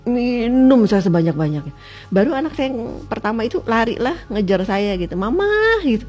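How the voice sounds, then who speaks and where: A woman from West Java, a guest telling her own experience in an emotional storytelling way. She swings between loud cries and hushed, lowered passages. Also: lively intonation, a little fast, soft background music.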